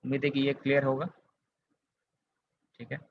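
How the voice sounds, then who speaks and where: With a completely flat delivery, a mid-range voice, and a moderate pace, an Indian-accented man from India runs an Arabic grammar lesson, patiently restating points and checking on his students' understanding. Faint hiss and a slightly dull lo-fi quality mark the recording.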